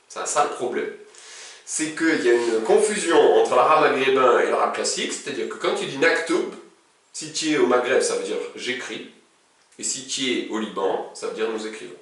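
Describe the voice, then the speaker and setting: A man's voice: medium pitch, expressive, brisk, fairly bright tone, recorded from a distance. A man teaching a casual language lesson, talking informally and reciting verb conjugations in a row. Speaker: Arabic teacher. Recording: very echoey room, speaking from away from the mic.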